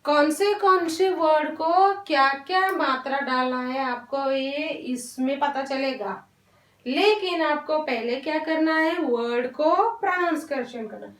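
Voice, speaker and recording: A woman teaching a Hindi lesson to young children, talking slowly and patiently, drawing out syllables and mixing in English words. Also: sits high, fairly bright tone, recorded from a distance. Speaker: primary school Hindi teacher. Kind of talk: online classroom lesson. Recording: roomy echo, voice off-mic.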